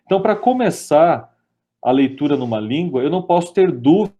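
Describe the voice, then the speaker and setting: A man with a Brazilian Portuguese accent giving a webinar grammar lesson, explaining step by step and reading out English examples slowly. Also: fairly high pitch, lively intonation, mellow. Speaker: lecturer.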